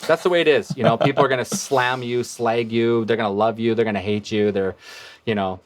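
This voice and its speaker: A man hosting a casual podcast, giving relaxed advice with frequent fillers. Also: mid-range voice, fairly quick. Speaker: podcast host.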